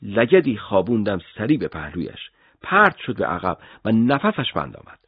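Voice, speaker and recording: A man reading a first-person audiobook story in a grim, measured way. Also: lowish voice, wildly swooping pitch, slightly rough, dry recording, phone-quality sound. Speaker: narrator.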